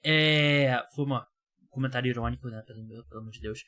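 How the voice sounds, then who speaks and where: A man's voice: medium pitch, brisk, sharp tone. A Brazilian man hosting a sports podcast, chatting casually with lots of fillers and the odd swear word. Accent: Brazilian Portuguese. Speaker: podcast host.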